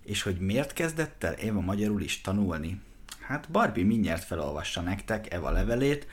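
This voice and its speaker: A man co-hosting a language-learning podcast, chatting casually with expressive, lively intonation. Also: low-pitched. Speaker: podcast co-host.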